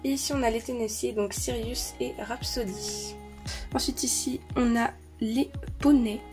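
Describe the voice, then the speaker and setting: Chatty higher-voiced woman vlogger. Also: fairly even intonation, unhurried, over music. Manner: chatty, lists names with many hesitations. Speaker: vlogger showing her collection. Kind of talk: casual show-and-tell. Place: indoor room shared with siblings.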